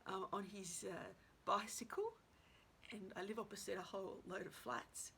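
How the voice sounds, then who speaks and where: Woman actress thinking out loud at home, halting and full of ums, low crackly fry in the voice. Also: steady tone. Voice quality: musing, halting, with many fillers. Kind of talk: reflective casual monologue.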